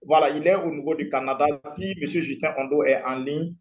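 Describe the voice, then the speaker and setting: A man's voice: a little high, steady tone, a little fast. A man organizing a festival, speaking politely and formally on a video call.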